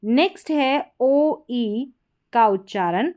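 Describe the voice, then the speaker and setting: Woman teaching pronunciation, smooth clear voice. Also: fairly high pitch, lively intonation, a little mellow. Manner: slow, drawn-out reading of example words. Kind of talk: explaining and reading example words aloud. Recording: dull, lo-fi sound.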